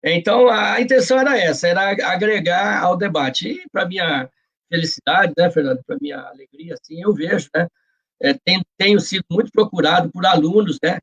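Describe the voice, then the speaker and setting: Speaking briskly in a high, somewhat bright and slightly rough voice, this Brazilian-accented man is an interview guest, a journalist and author, reflecting earnestly on his views. He explains carefully and keeps adding little tags asking for agreement. The audio is dull.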